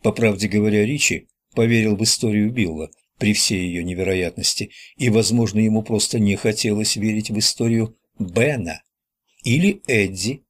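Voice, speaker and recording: A man narrates an audiobook in a measured, even storytelling manner. His voice sits low and has a husky, breathy grain. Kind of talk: scripted narration.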